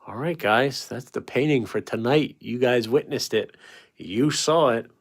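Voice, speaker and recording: A man hosting a painting livestream in casual chat. He rambles, answers the chat aloud and thanks viewers by name, and his voice is going a bit hoarse from talking so long. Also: medium pitch, a little slow. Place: home painting setup with ring light.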